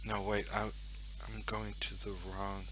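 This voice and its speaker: A young Norwegian chess streamer chats casually on a live stream, muttering and thinking aloud to himself as he sets up. His Norwegian-accented voice is on the low side, measured in pace with little pitch movement, and there's background noise.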